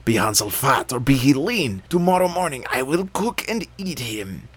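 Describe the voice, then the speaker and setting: A man's voice: medium pitch, big pitch swings, normal speed, breathy edge, no echo, pitched above the performer's own voice. A man voicing a wicked, cruel old witch who scolds and schemes in a storybook reading. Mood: scolding.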